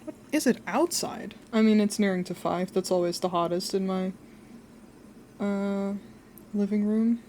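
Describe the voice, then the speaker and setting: A woman's voice: medium pitch, a little slow, pauses often, warm tone, slight background noise. A woman chatting casually on a livestream as host, in a cute, friendly anime-streamer manner that welcomes viewers. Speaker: livestream host, VTuber artist. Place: living room at home.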